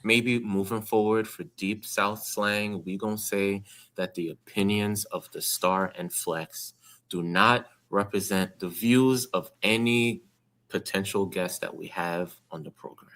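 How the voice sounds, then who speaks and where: A man's voice: on the low side, steady tone, a little slow, a bit bright. A man hosting a podcast in casual conversation. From New York. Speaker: podcast host. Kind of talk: casual chat.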